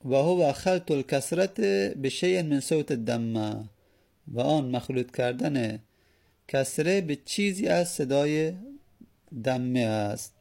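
Gravelly man teaching Arabic grammar. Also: medium pitch, a little mellow. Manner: patient, repeats words, sounds out examples slowly. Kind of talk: explaining Arabic grammar in Persian.

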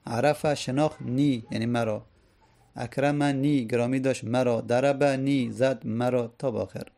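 Male teacher with a gravelly, mellow voice, who chants drills and then explains. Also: medium pitch, fairly even intonation. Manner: recites Arabic conjugations in chanting drills, then explains casually. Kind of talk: Arabic grammar lesson.

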